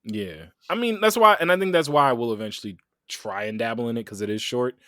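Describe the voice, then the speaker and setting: A man's voice: mid-range voice, expressive, fast talker, pushed and bright, dry recording, clean studio sound. A young man, co-hosting a casual podcast chat. He sounds laid-back and teasing and laughs a lot. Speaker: podcast co-host.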